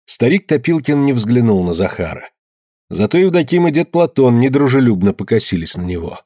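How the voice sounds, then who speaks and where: A man reading a novel aloud in measured scripted narration. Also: mid-range voice, no room sound, studio quality. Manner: measured, even storytelling. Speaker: audiobook reader.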